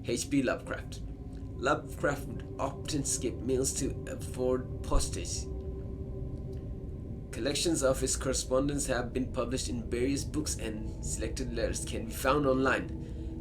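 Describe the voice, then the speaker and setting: With game music in the background, a gamer hosting a let's play talks casually in a mid-range voice, reading game text aloud, thinking out loud, and repeating himself. The recording quality is low.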